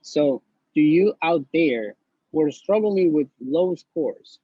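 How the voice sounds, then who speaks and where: Speaking slowly in a somewhat high, husky voice with expressive delivery, this Honduran man is a newly matched neurology resident giving advice as a guest in a casual video-call interview. He talks earnestly and bluntly, frequently repeating his words, captured in a dry, slightly dull lo-fi recording.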